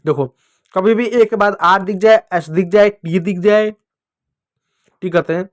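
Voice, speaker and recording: Male teacher, high voice, dry close sound, patient children's phonics lesson. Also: a little slow, no echo. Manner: patient, repeats and asks pupils questions.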